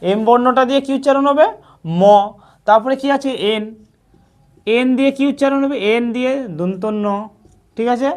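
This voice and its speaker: Teacher quizzing herself through a lesson. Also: female voice, high voice, fairly quick, a little mellow. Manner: asks a question, then answers it; repeats "ঠিক আছে" often. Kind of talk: scripted narration.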